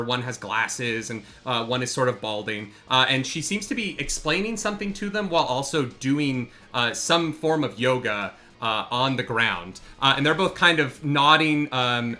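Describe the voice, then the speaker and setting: A game master narrating a live tabletop game in a halting, descriptive way. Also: mid-range voice, sharp tone. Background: faint background music.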